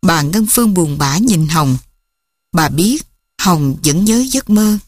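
A woman narrating a story in a soft, measured and dramatic reading. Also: on the low side, lively intonation, no room sound, studio quality.

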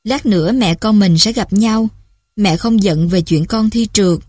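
A woman voicing a worried middle-aged mother, speaking softly and soothingly. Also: medium pitch, measured pace, slightly rough, dry recording, studio quality. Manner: soft, soothing.

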